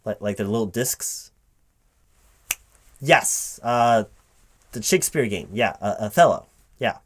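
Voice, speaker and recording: A man with a lowish, slightly bright voice plays a recruiting manager in a one-sided ASMR job interview, sounding animated yet halting and confused. He keeps repeating things to confirm them as a computer keyboard is typed on nearby.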